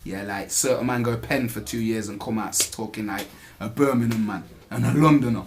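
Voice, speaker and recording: A man's voice: mid-range voice, a little fast, a little hiss or hum. Nottingham-accented man talking street slang. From Nottingham, England. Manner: repeatedly tags phrases with "you get me" and "innit". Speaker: rapper being interviewed. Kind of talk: casual interview talk in street slang.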